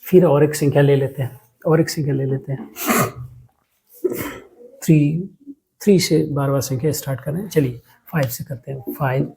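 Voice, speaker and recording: Gravelly, mellow-voiced maths teacher. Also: mid-range voice, normal speed, pauses often, rough recording. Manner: asks questions and answers them, repeats words often; mixes English words into the explanation. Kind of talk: classroom lesson explanation.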